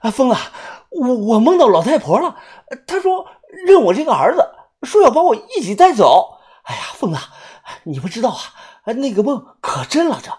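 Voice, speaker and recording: A brash young treasure digger who swears freely and whines loudly, as a woman reader puts him on. The voice sits high and husky and swings wildly in pitch. It is a storybook character voice. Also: sing-song, normal speed. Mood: frightened. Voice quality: coarse, swearing. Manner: loud, whiny, dramatic. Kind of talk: audiobook character voice.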